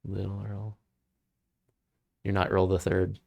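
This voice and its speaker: Easygoing low-voiced man on stream. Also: monotone, slow pace, creaky, darkish tone. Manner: easygoing, dry wordplay, talks while setting up the capture. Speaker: co-host of a game stream. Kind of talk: casual chat.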